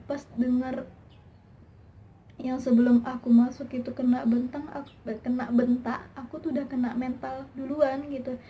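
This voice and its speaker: A young woman tells a personal story to her viewers in a chatty, emotional way, filling pauses with small hesitations. Her voice sits a little higher than most. The recording is slightly dull and lo-fi, with a faint hiss behind her. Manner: chatty and emotional, many fillers. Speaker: vlogger. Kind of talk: personal testimony vlog.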